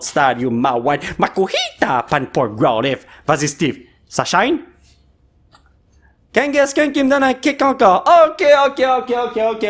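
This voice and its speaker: A man with a Québécois French accent, hosting a card pack opening video. He rattles off card names and jokes with his son. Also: a little high. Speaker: YouTuber host.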